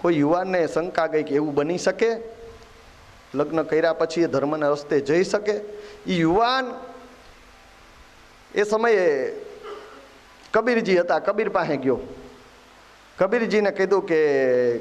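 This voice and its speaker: A man's voice: fairly high pitch, unhurried, long pauses. A man telling scripture stories in a devotional sermon, voicing the characters in dialogue. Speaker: Bhagavat katha preacher.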